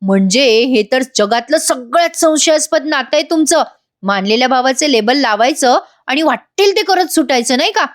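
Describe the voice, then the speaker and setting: A woman's voice: sits high, lively intonation, moderate pace. [name], a woman voicing a sneering accusing husband. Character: angry scheming young husband, man.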